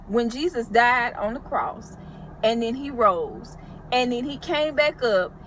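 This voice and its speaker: A woman's voice: a little high, a bit bright, slight background noise, rough recording. A woman giving a casual Bible teaching, thinking aloud and checking her notes. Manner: conversational, thinks aloud with restarts, refers to notes.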